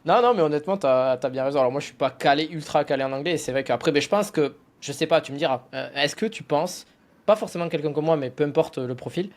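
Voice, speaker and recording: A man hosting a casual interview, asking questions in a halting way, often stumbling and restarting. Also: a little high. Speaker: interview host.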